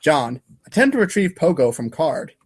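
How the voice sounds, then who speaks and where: A man with a slightly high, slightly rough voice and big pitch swings gives a dramatic reading of webcomic narration at a moderate pace. He narrates the readers' theater script wryly, now and then tripping over the text.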